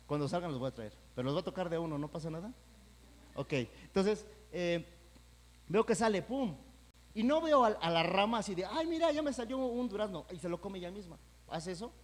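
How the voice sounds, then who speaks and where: A pastor preaching a sermon, talking conversationally and then building to loud, emphatic peaks. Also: male voice, sits high. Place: church sanctuary. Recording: church hall with long reverb.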